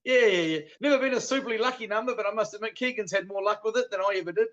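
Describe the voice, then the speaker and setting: Talking rapid-fire in a high, slightly bright voice, this middle-aged man is a guest on an interview, a veteran stock car driver from the South Island with a broad New Zealand accent. He's relaxed and slangy, and the lo-fi call audio sounds dull.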